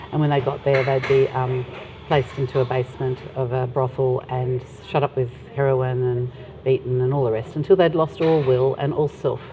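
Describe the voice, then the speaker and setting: A woman's voice: very deep voice, background noise. A woman, founder of a charity, explaining earnestly in an interview. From Australia. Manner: earnest, explanatory, occasional fillers. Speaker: anti-trafficking charity founder. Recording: tinny phone-like audio.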